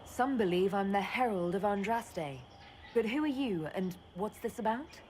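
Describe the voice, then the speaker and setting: A woman playing a composed, earnest elf heroine in a video game, speaking calmly and directly. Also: medium pitch, normal speed, a little hiss or hum, close to an everyday voice. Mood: composed, resolute. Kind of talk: video game character acting.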